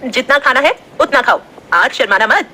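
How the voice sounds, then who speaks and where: A woman acts out a loud, dramatic young student girl in an audio story. She talks excitedly in a bright, high voice, as if she's always just about to shout. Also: normal speed, full character voice.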